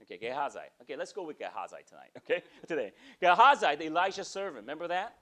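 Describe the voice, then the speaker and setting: A pastor in his forties preaches a sermon indoors in a small church sanctuary, talking fast in a highish voice. His style is conversational and animated, with lots of gestures and frequent "okay?" check-ins.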